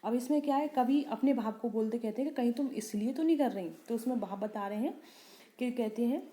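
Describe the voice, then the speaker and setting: A woman teacher explaining a poem line by line. She asks questions and answers them herself, and she slows down for the poem lines. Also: fairly high pitch, dark tone, reverberant. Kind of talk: Hindi poem explanation lesson.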